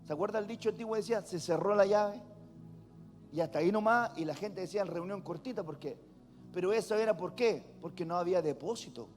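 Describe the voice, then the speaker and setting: Male Chilean pastor, high voice, emphatic and repetitive preaching, reverberant church hall. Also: quick pace, darkish tone. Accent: Chilean Spanish. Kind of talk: sermon. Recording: long hall reverb with faint music.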